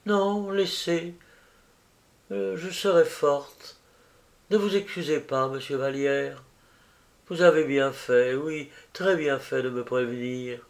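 A man's voice: fairly high pitch, steady tone, slow pace, pitched above the performer's own voice. A man reading aloud as an anguished, insistent young woman, raising his voice in pleading emotion. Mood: resolute.

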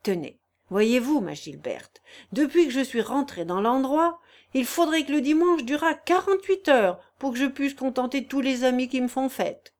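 A woman's voice: sits high, normal speed, darkish tone, close to an everyday voice. A woman reading aloud, voicing a jovial, hearty male carpenter who greets everyone in a boisterous, affectionate way.

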